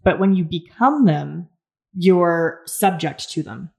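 Woman host, casual chat, soft, reflective, deep voice. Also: expressive, slow pace, vocal fry.

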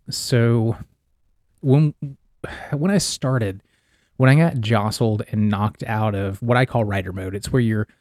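A male podcast host talks casually at a middling pitch, sounding a little wheezy and congested, with some mouth breathing. The recording is dry and close, with very little room sound. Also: a little mellow, no room sound. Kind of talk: casual solo podcast talk.

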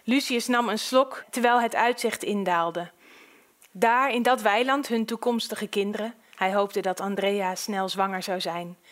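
A woman narrating an audiobook in a calm, measured storytelling voice. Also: medium pitch.

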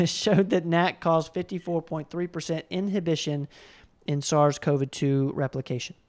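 A host reading out viewer questions in a live Q&A, relaxed and friendly with frequent fillers. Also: medium pitch, measured pace.

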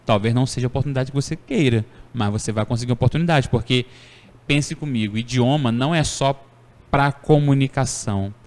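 A man hosting a casual podcast conversation, telling stories in a playful, animated way. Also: medium pitch, brisk, long reverb tail. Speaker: podcast host.

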